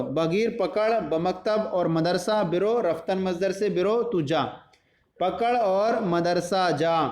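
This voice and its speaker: A man's voice: high-pitched, reverberant. A male madrasa teacher explaining a Persian primer in Urdu, reading each phrase and then glossing it word by word with patient repetition. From India.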